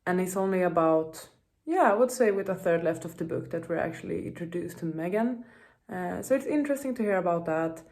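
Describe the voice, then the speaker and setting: A woman's voice: fairly low pitch, lively intonation, fairly quick, a little mellow. A woman talking casually as a reading vlogger, in a rambling, self-questioning way full of hedges. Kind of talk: casual vlog chat.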